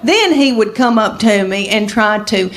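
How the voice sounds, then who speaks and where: This Southern American woman, in her fifties, performs stand-up for a live audience with a mid-range, expressive voice and an unhurried delivery. She's chatty and drawling, speaking directly to the people in front of her.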